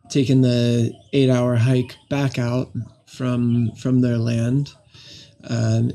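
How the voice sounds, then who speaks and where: Interview guest: man, slow, reflective, gravelly, dark-toned storyteller. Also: mid-range voice. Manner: thoughtful, unhurried, frequent "you know", soft laughs. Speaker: guest telling a travel story.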